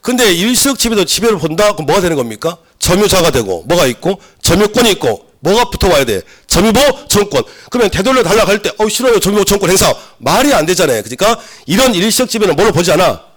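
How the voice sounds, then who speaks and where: Male lecturer, higher voice, loud and animated, quizzes the class, a touch hoarse from a cold. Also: quick pace, few pauses. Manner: lively, loud, asks the class questions. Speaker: civil law lecturer. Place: lecture room.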